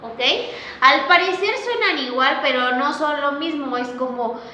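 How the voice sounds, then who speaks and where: A woman teacher giving a class, talking slowly and deliberately, drawing out example words and asking "ok?" again and again to check that students follow. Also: high voice, bright, forceful tone, roomy sound. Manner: slow and deliberate, checks understanding with a frequent questioning "¿ok?". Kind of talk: online class lecture.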